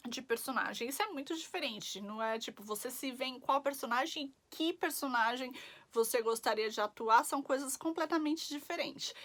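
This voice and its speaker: A woman's voice: a little high, fairly bright tone. A young woman from Brazil chatting casually as a vlogger, full of fillers and tag questions. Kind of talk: casual chat.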